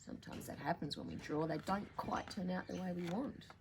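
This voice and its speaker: In a lowish, darkish voice and at a fairly quick clip, a woman reads picture books for storytime, slipping in chatty asides to the children. Her delivery is playful and theatrical with dramatic emphasis, and there is slight background noise.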